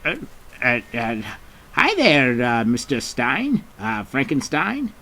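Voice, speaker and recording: A man's voice: mid-range voice, wildly swooping pitch, slow, sharp tone, exaggerated voice, rough recording. A man voicing a cheerful, trusting young male penguin in a homemade puppet drama, eager and reassuring with many fillers.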